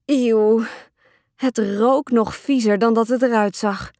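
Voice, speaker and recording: Unhurried woman reading a storybook. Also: fairly high pitch, no echo, studio quality. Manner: expressive first-person telling. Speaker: audiobook narrator.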